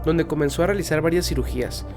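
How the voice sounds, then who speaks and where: A man reads scripted mystery narration like a dramatic horror trailer. His voice sits a little high for a man, and music plays clearly behind him. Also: fast talker. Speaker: podcast narrator. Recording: music bed under the voice.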